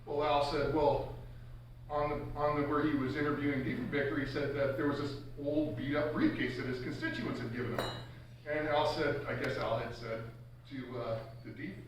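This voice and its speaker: A man giving a roast speech full of stops and restarts, telling stories about a former coworker. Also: on the high side. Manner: halting storyteller with many restarts. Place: event hall. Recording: echoey hall, far mic, background noise.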